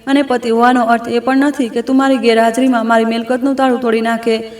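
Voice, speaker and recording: A woman voicing a pregnant young wife who speaks firmly and in a measured way. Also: a little high, level tone, lightly acted. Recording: echoey room.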